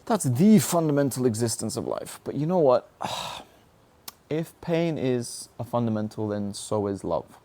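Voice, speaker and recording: A very animated young adult man speaks unhurriedly in a dark, mid-range voice. He shares personal reflections through an earnest motivational monologue about his struggles, turning questions on himself throughout.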